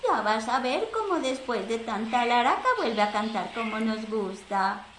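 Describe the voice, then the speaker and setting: A woman's voice: fairly high pitch, animated, measured pace, a bit bright, a little hiss or hum. A woman voicing a carefree female katydid, breezy and dismissive, in an echoey room.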